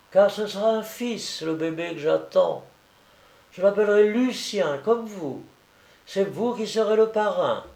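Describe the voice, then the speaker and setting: A man reading a gentle young pregnant woman's lines in an audiobook, speaking softly and soothingly. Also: sits high, vocal fry, reverberant, voice pushed up, exaggerated voice. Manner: soft, soothing, comforting.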